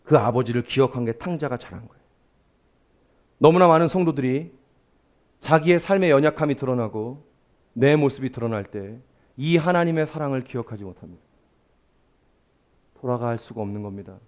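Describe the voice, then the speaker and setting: Male pastor giving a sermon, very animated delivery, goes from shouting to hushing. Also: medium pitch, moderate pace, long pauses. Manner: swings from loud exclamations to hushed near-whispers.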